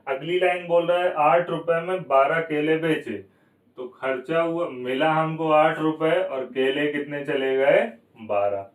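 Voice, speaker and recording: A man teaches an exam-prep maths lesson step by step, posing questions, answering them himself, and repeating key numbers. His fairly high voice moves at a measured pace, captured from a distance in a roomy, low-quality recording.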